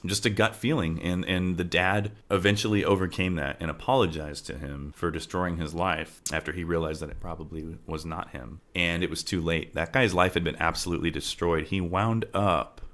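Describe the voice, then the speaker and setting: A man's voice: low-pitched, steady tone, normal speed, fairly bright tone. A man co-hosting a true-crime podcast, talking casually and loosely, often checking in with "right?". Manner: conversational, often adds "right?", trails off into laughter at times. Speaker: podcast co-host. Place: home with farm animals nearby.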